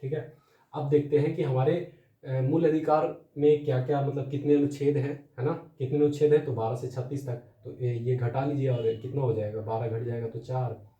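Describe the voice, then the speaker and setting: A man's voice: mid-range voice, dark tone. Man lecturing in an echoey room. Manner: explanatory, many fillers and tag questions. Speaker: teacher. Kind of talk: exam-prep lecture. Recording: echoey room, voice distant from mic.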